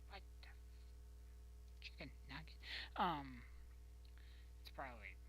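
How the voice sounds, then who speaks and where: A streamer reading a post aloud and commenting in a loose, rambling way, dropping into whispered mutters between sentences. The voice is bright and forward, sitting at a middle pitch. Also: slight background noise, rough recording.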